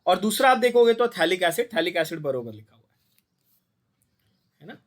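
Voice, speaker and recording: Man, high voice, chemistry teacher, online class, blunt, quizzing. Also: very animated, normal speed. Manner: mixes Hindi and English, quizzes students constantly, blunt and scolding.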